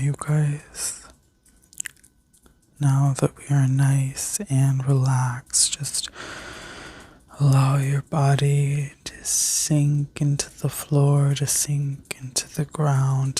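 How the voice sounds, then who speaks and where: Casting: woman for whispered ASMR sleep-story narration and guided healing meditation; breathy, soft and dark in tone, even and soothing. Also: very deep voice. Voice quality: breathy, mostly unvoiced whisper. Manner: soothing, slow, gently instructing. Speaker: ASMR reiki healer and video host.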